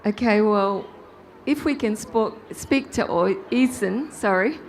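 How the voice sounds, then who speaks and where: A woman's voice: mid-range voice, a little slow, slight background noise. A woman doing chatty, upbeat live interviews out on a race track grid. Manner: chatty, upbeat, talks over the crowd. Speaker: grid reporter.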